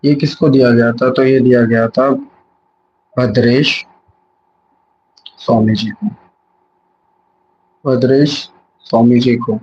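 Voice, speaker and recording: Young man, exam prep teacher, slow, casual, self-correcting, slightly muffled recording. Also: medium pitch, fairly even intonation, darkish tone, husky. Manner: slow, chatty, mixes English words into Hindi, self-correcting. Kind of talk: live revision lesson.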